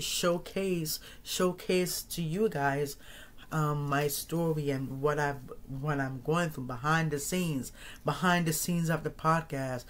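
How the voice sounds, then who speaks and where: A somewhat high, slightly bright voice belongs to a podcast host in his thirties chatting alone to his audience; he rambles, repeats phrases and restarts sentences a lot.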